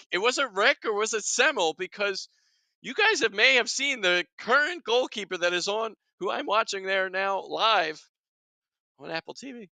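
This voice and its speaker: A high-pitched man hosts a live soccer watchalong stream. He rambles and chats casually with his viewers. The recording is dry and close. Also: sharp tone, no room sound. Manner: chatty, rambling, talks to chat viewers.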